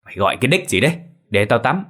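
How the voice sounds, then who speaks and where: A man's voice: fairly low pitch, very animated, a little fast, husky. A man voicing a cowardly, pompous old village chief who pleads and mutters in fear, in a spoken ghost story. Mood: panicked.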